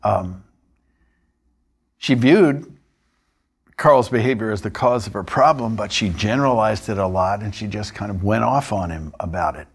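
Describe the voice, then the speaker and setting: Male instructor, husky and fairly low, measured explanatory lesson delivery. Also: lively intonation. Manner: measured, explanatory, with occasional restarts. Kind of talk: narrated training lesson.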